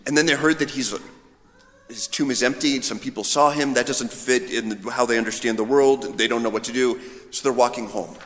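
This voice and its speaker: The homilist, a man, preaches casually and conversationally, telling a story and voicing imagined lines of dialogue. He speaks a little fast in a medium-pitched, slightly bright voice with fairly even intonation, and long church reverb echoes around him.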